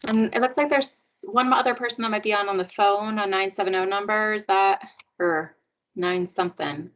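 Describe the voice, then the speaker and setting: A woman's voice: mid-range voice, steady tone, moderate pace, a bit bright. A woman facilitating a video meeting in a chatty, upbeat way with plenty of fillers, heard over a video call. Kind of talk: casual video meeting chat. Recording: dull, muffled video call audio.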